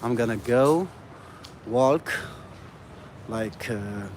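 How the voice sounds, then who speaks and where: A man talks into his phone as he walks outside, rambling in a friendly way and tossing in "you know" and "bro" all the time. His voice sits at an ordinary middle pitch for a man. Street noise and passing traffic come through clearly behind him. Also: drawn-out words, a little mellow. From Algeria. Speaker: live streamer. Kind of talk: casual live-stream chat. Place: outdoors on a city street, walking. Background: urban ambience and vehicles.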